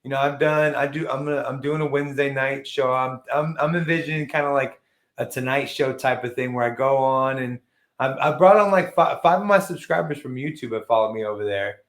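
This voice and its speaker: A man's voice: mid-range voice, brisk, roomy sound. A man hosting a casual chat, joking crudely and swearing a lot. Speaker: podcast host.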